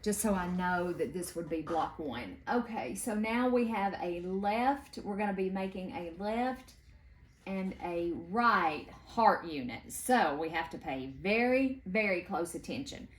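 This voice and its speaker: A woman's voice: mid-range voice, expressive, measured pace. A middle-aged woman, chatting folksily as she walks through a quilting block in a home sewing room. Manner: chatty, folksy, talks while working. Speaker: quilting video host. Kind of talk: casual sewing tutorial.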